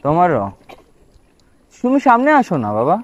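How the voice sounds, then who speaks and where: A man talking gently and playfully with his young nephew during a bike ride outdoors. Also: high voice, huge pitch swings, measured pace. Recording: dull lo-fi outdoor sound.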